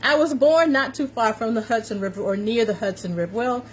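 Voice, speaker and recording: A New York City woman of fifty-five with an American accent talks a little fast in a highish voice, recorded roughly over a steady fan in a warm room. As a confidence coach hosting a casual livestream, she addresses viewers in an upbeat, emphatic way, often saying phrases again.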